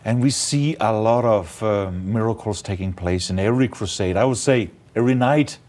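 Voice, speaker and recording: A Danish evangelist with a Danish accent tells stories as a guest in an indoor studio interview, giving testimony in a fairly low, darkish voice. His speech is halting, packed with fillers and marked by non-native grammar, recorded on a lapel mic.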